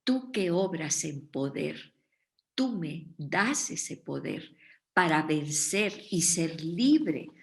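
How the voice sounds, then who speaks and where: Woman, Bible study teacher, lowish voice, earnest, checks in with listeners.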